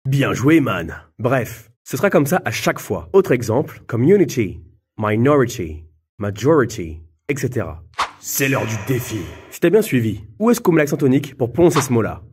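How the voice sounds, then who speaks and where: A man's voice: mid-range voice, sing-song, brisk, hardly any pauses, a little mellow, husky. A young man presenting a scripted lesson, addressing the listener informally and upbeat. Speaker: English teacher presenting tips. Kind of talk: scripted educational video for teens.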